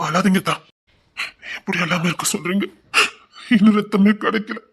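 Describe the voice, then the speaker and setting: An anxious husband played by a man in a web drama, pleading and coaxing in a fairly high voice. He speaks with a Tirunelveli Tamil accent. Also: normal speed, creaky, breathy edge, full character voice. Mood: worried. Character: anxious husband begging his wife.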